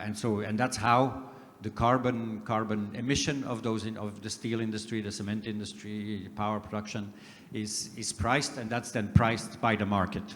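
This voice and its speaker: A man speaking on a conference panel, explaining step by step with frequent hesitations. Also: lowish voice. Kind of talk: panel discussion. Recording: reverberant conference hall.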